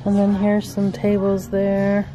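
Filming herself in a home decor store with a handheld camera mic, a middle-aged vlogger chats and gushes over cute finds. She speaks slowly in a monotone, mellow, mid-range voice over soft background music, and the audio is poor.

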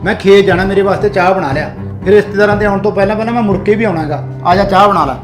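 Fast, high-voiced Punjabi man. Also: over music. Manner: impatient and commanding. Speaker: husband in a family skit. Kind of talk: Punjabi village family skit.

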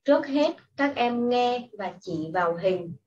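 A woman teacher giving patient, step-by-step instructions in a slow classroom style. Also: a little high, expressive, darkish tone. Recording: distant, muffled mic with faint hiss.

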